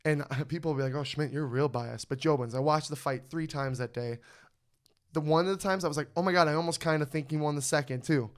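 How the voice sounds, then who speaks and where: A young man hosting a podcast, chatting excitedly and swearing freely about a fight. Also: fairly high pitch, fast. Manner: excited, profane sports fan talk. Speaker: podcast host. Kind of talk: casual chat.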